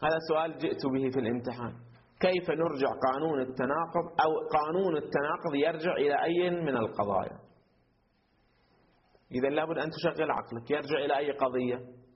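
A man's voice: a little high, quick pace, highs cut off. A man teaching a logic class, explaining step by step and putting questions to the students before answering them himself. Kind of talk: classroom lecture.

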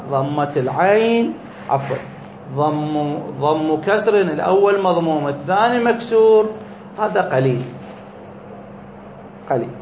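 Male teacher, somewhat high voice, methodical explainer, slightly muffled echoey room sound. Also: a little mellow, slight background noise. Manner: explains step by step, asks and answers his own questions. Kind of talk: grammar lesson explaining a text.

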